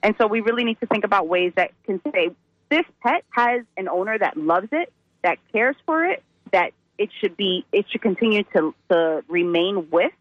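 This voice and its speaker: A woman's voice: mid-range voice, expressive, moderate pace, dry recording. Woman guest on a clipped phone line. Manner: thoughtful, hedging with fillers. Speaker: guest, social worker. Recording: dull dry phone line.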